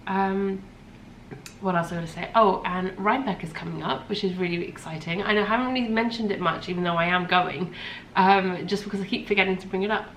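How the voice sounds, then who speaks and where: This woman in her thirties hosts a podcast, speaking in a mid-range voice that is a little fast, a bit bright, and fairly even in intonation. She's slightly congested from a cold and rambles chattily, full of ums and self-corrections. The room is echoey with faint ambient noise.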